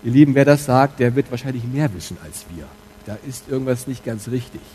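Pastor preaching with shifting loud-soft emphasis. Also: male voice, medium pitch, brisk, a little hiss or hum, low-quality recording. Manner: swings between soft, intimate asides and loud emphatic stresses; talks directly to the congregation in a personal, candid way. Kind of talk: sermon. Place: church, preaching from the pulpit.

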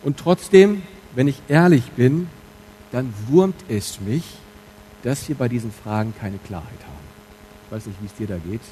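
A man preaching a sermon as pastor in church, speaking candidly and directly to his congregation, moving between quiet asides and loud emphatic stresses. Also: medium pitch, lively intonation, normal speed, a little hiss or hum, low-quality recording.

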